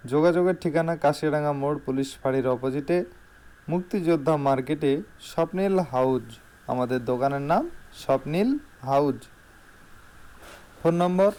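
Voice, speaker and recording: Repeating key phrases for emphasis, a shop salesman with a Bangladeshi accent narrates an informal product showcase in voice-over. His fairly high voice is mellow with a clean tone.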